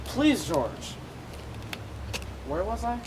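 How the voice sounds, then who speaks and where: A man playing a vain, wealthy young gentleman suitor in a stage comedy, speaking in a pompous, self-satisfied way. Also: sits high, sing-song, drawn-out words, full character voice. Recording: noisy stage recording, distant microphone.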